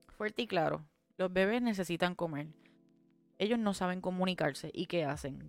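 A woman's voice: mid-range voice, clean tone, no echo. A woman co-hosting a podcast, talking earnestly about faith and reading Bible verses aloud, slipping English phrases into her talk. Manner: earnest, mixes in English phrases, frequent restarts. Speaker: podcast co-host.

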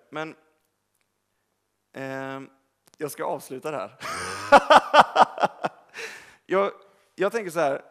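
A young man giving a casual, rambling sermon in a church, speaking directly to the congregation and correcting himself as he goes. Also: on the high side. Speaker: preacher. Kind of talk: informal sermon. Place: church service hall.

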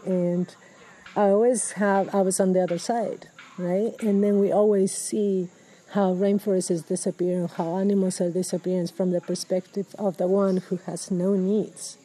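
A Peruvian woman in her fifties, an ecologist, speaking in a thoughtful, halting way with restarts and fillers, recorded outdoors in a rainforest. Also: fairly low pitch, dark tone, poor audio. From Peru. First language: Spanish. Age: 50s. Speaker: ecologist guest. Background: birds, people, general activity.

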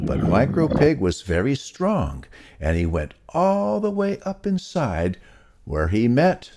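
A man reading a children's story aloud to young listeners in a slow, expressive storyteller manner. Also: breathy edge. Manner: slow, expressive storyteller delivery, swooping pitch.

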